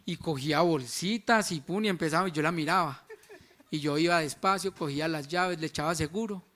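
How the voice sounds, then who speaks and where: A man's voice: fairly high pitch, a little fast, sharp tone. A man, frankly telling the story of his marriage in a church testimony. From Colombia. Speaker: husband sharing a testimony.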